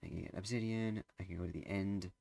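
A man's voice: low-pitched, steady tone, quick pace, creaky, warm tone. A teenage boy giving casual gameplay commentary, rambling and hesitant with lots of fillers. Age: teens. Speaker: gameplay streamer.

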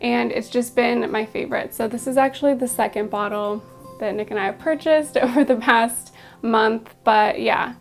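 A young woman vlogger with a raspy voice, chatting casually about her favorite products at home, with lots of ums and asides. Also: a little high, normal speed, soft background music. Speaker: beauty and lifestyle vlogger. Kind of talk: casual product review to camera.

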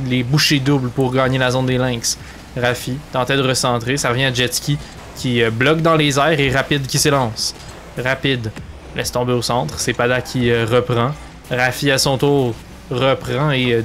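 A male esports commentator with a Quebec French accent and a mid-range voice. He calls the play in excited sports commentary, following the action in short fragments. Faint game noise sits behind him. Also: medium pitch.

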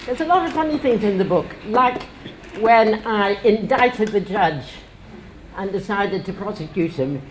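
Speaking a little slowly but animated, an older woman with a medium-pitched voice reads passages to a standing bookshop crowd at her book launch, chatty and wry, laughing in between. The audio from her lectern stand mic is poor, with a little hiss or hum.

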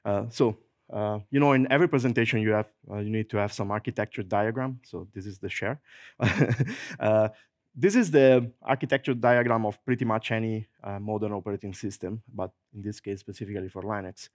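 Holding a microphone in a large conference hall, a middle-aged man with an Italian accent presents a technical talk in a lowish voice, recorded at studio quality. He keeps it lively, cracking jokes, laughing, and filling gaps with frequent "uh"s.

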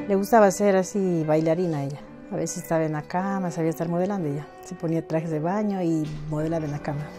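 A middle-aged woman with a southern Andean Ecuadorian accent, giving personal testimony as a victim's mother, halting and emotional, full of reported speech. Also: sits low, fairly even intonation, music in the background. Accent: southern Andean Ecuadorian Spanish, Azuay.

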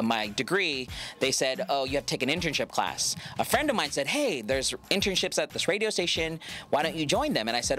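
A man's voice: medium pitch, sharp tone. A man from the Philippines, a radio DJ, chatting casually in an interview with easygoing jokes and frequent hesitations.

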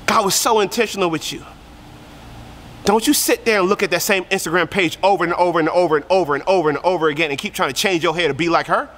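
A man's voice: high voice, a bit bright. A man preaching a passionate youth sermon, repeating phrases for emphasis. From Korea. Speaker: youth pastor. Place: church hall. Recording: long reverb of a church hall.

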